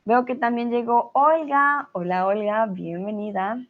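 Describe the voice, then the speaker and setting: A woman with a Colombian accent teaching a live online class, friendly and encouraging, speaking slowly and clearly. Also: a little high, steady tone, narrow, tinny audio.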